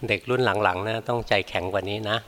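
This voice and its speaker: Responding to practice reports from his listeners, an older male monk teacher offers gentle admonishment within a calm, unhurried Dharma talk. His voice sits on the low side and trails off into long reverb.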